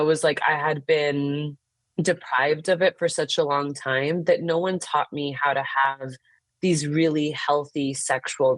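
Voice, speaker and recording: A low-pitched woman's voice with no echo: an American in her thirties, a therapist and intimacy coach appearing as a podcast guest. She tells her own story openly, frankly and casually, frequently filling with "like."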